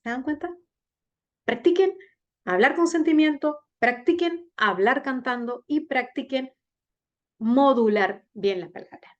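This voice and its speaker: A woman teacher giving a class on public speaking, talking straight to her students and checking in with "¿bien?", with big swings in pitch and slow, sung-out demonstrations. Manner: addresses students directly with frequent "¿bien?" check-ins. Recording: dull lo-fi recording.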